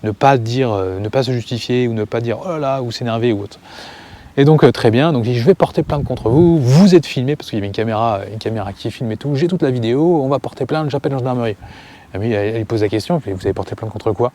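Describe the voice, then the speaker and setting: A man telling a personal story to camera in a casual way, stopping calmly to give viewers advice. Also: mid-range voice, fast talker. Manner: calm, advice-giving aside to viewers. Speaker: family and parenting vlogger.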